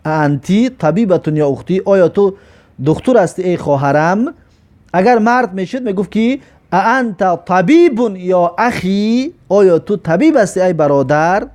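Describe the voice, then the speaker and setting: Guy with teaching arabic grammar, fairly high voice but mellow, asks himself questions and answers them. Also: lively intonation. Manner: explains step by step, asks and answers his own questions, reads examples slowly. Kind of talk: classroom grammar lesson.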